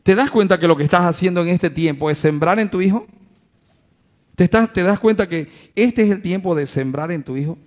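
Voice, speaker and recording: A man's voice: high voice, brisk, a little mellow. Man preaching, acting out scenes. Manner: preacher who acts out scenes and asks rhetorical questions; addresses the congregation as brothers. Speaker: pastor. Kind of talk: sermon.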